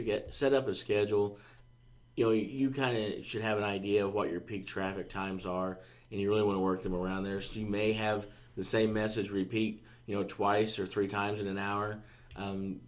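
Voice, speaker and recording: Deep flat-voiced man giving advice. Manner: steady, easygoing advice with fillers. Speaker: podcast co-host, marketing staff. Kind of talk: casual business podcast chat.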